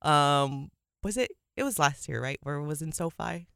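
A woman co-hosting a sports talk show in casual chat, chatty and quick to laugh, her pitch jumping up when excited. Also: gravelly, clean tone, no room sound, clean studio sound. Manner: chatty, laughs often, animated swings in pitch.

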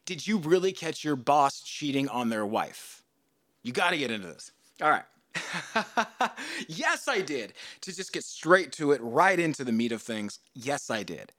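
A man in his thirties tells a story on his podcast, casual and animated. He jumps into high, loud voices when he quotes people. His voice sits a bit high for a man and swings widely, and the sound is close and dry. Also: a little slow, no room sound. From United States. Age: 30s. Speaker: podcast host.

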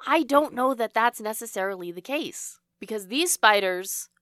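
A woman with a bright, mid-high voice co-hosts a casual book podcast while getting over a cold. She is jokey and colloquial, throwing in little sound effects, and is recorded close and dry. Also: expressive, moderate pace, no room sound. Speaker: podcast co-host. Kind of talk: casual book recap chat.

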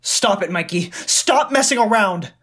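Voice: medium pitch, lively intonation, unhurried, a bit bright. A woman voicing Billy, a timid, earnest boy of about nine, in a table read of a screenplay. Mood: pleading.

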